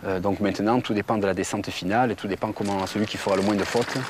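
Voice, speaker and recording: A man's voice: fairly low pitch, steady tone, fast. A man, a downhill racer, talking in a hesitant way in an interview. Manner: hesitant, many fillers. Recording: noisy outdoor sound.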